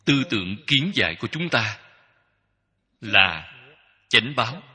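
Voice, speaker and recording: A man giving a Buddhist dharma talk as a teacher, speaking in slow, measured short phrases that repeat. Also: fairly low pitch, big pitch swings, bright, forceful tone, husky. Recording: long hall reverb.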